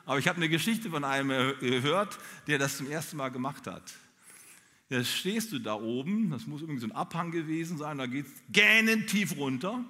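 A man preaching a sermon, talking straight to his listeners in an animated way. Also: a little high, brisk, in a large hall. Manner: animated, addresses listeners directly. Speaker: pastor.

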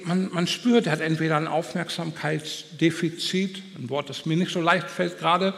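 A man's voice: high voice, creaky. A man preaching a sermon, emphatic and addressing listeners directly, his articulation impeded and slightly slurred as if his jaw is braced. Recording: long hall reverb.

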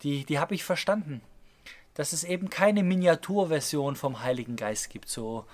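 A man in his thirties preaching a sermon, telling a story with passion and speaking straight to his listeners, swinging between loud urgency and hushed intimacy. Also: on the high side, normal speed. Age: 30s. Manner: storytelling, addresses listeners directly.

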